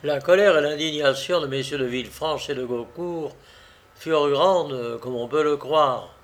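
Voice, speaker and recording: A man narrating a novel as an audiobook, with a measured, dramatic reading. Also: a little high.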